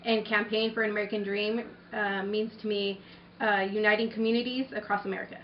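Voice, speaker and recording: A woman in her twenties from Mexico gives a plain, steady statement to camera indoors. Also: mid-range voice, brisk, lo-fi sound, slight background noise. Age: 20s. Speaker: activist giving a statement. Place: indoors before a curtain.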